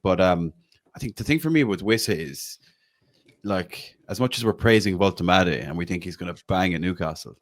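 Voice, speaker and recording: A man's voice: low-pitched, normal speed. An Irish man hosting a fan podcast, chatting casually about football with lots of "like" and the odd swear. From Ireland. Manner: chatty, says "like" a lot. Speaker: podcast host.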